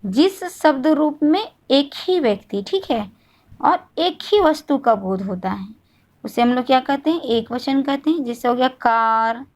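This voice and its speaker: A woman's voice: sits high, expressive, a little slow. A woman teaching a grammar lesson, explaining step by step and answering her own questions. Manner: often says "thik hai" to check understanding.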